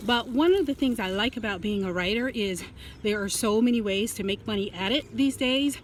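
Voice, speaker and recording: A woman's voice: a little high, moderate pace. An American woman, out of breath from walking, gives casual advice as a video host while speaking through a face mask. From United States. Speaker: host of a writing-tips video series. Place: outdoors, walking. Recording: outdoor traffic and street noise.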